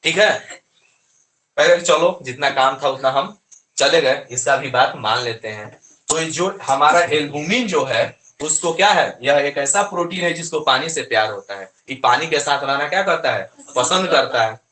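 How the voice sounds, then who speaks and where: A man with a fairly high, bright, forceful voice teaches a class, asking questions and answering them himself. The sound is roomy, with clear echo. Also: expressive, normal speed. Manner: asks and answers his own questions. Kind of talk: classroom lecture. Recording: echoey room.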